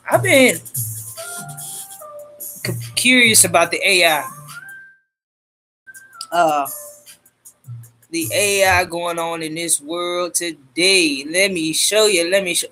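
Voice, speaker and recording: A man with a high voice talks slowly and loosely to his own channel, drifting between thoughts with lots of fillers and slang. A quiet beat plays softly behind him. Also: faint music behind. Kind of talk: casual rambling monologue. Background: faint homemade beat playing.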